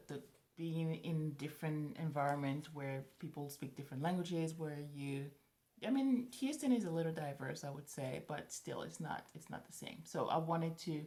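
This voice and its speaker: This woman, in her thirties, grew up in Morocco and speaks French natively; she vlogs to camera in a relaxed chat, restarting as she thinks out loud. Her voice sits low and sounds a little mellow.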